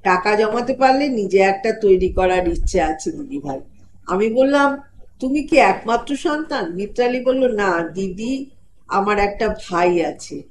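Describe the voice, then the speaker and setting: Woman narrator, story recitation, gentle and expressive, mid pitch, faint background hiss. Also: unhurried, rough recording. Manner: gentle expressive reading, softly voicing the girl's and mother's lines. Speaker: narrator reading a short story.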